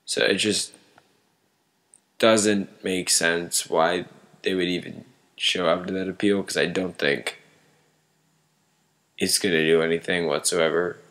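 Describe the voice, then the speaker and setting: Low-pitched man, slow pace, halting delivery, casual sports vlog commentary. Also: steady tone, fairly bright tone. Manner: halting, searching for words.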